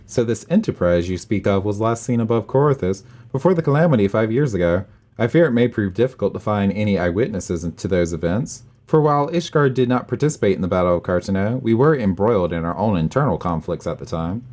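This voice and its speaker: A man's voice: on the low side, animated, brisk, a little mellow. A man voicing a gallant, welcoming male knight commander, reading game dialogue aloud in a formal, dramatic tone.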